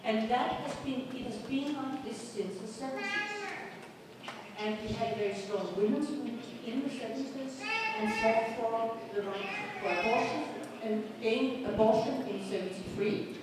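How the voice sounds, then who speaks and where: An older woman with a Danish accent, speaking from the floor at a panel into a handheld mic, earnest and halting with restarts. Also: on the high side, far from the mic, very noisy. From Denmark. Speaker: audience member at a panel. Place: large conference hall, standing in the audience. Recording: roomy hall picked up from afar.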